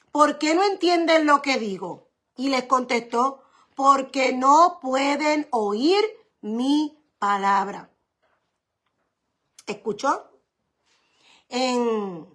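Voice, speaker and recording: High bright-voiced woman pastor preaching slowly. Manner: preaching with emphatic repetition and rhetorical questions. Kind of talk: sermon.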